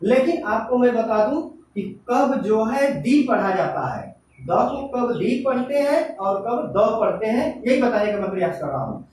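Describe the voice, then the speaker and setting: A man with a high, expressive, unhurried and slightly mellow voice teaches a classroom-style English grammar lesson. He explains step by step, posing questions to himself and then answering them. The recording is echoey, his voice distant, with faint noise.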